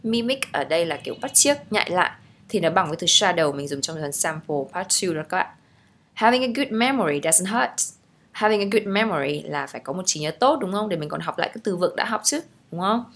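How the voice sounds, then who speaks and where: A young woman teacher with a Vietnamese accent walks through English phrases one at a time. Her voice sits a little low for a woman, and she keeps checking in with her students as she explains each one. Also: fairly bright tone. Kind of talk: language lesson explaining phrases.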